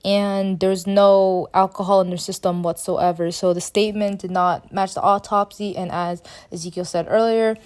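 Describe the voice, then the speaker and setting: A young woman co-presenting a student podcast, summarizing a case in an unscripted, halting way with many fillers and restarts. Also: mid-range voice, little pitch movement, a little mellow, clean tone.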